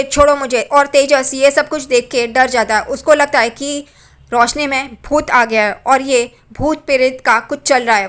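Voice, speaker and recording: A woman's voice: high-pitched, a bit bright. A woman casually retelling a TV serial episode, with plain, repetitive storytelling. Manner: plain storytelling, repeats phrases like "yahan pe". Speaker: TV serial recap narrator.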